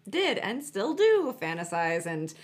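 A woman with a medium-pitched voice co-hosts a true crime podcast. She tells stories conversationally and stresses her points by repeating words. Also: very animated, a little slow. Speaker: podcast co-host. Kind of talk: chatty true crime storytelling.

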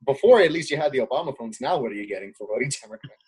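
Husky New man, chatty guest. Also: mid-range voice, expressive, rapid-fire, a little mellow. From Queens, New York. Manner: casual, many fillers, rising indignation. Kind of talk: political talk show chat.

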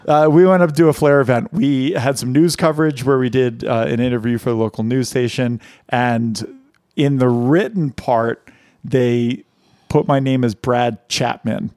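Un hombre que copresenta un pódcast y cuenta una anécdota de forma informal, divagando entre titubeos. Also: male voice, medium pitch, fairly even intonation, a little mellow, no echo, studio quality. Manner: rambling storyteller, halting with fillers. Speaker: podcast co-host. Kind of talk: casual chat.

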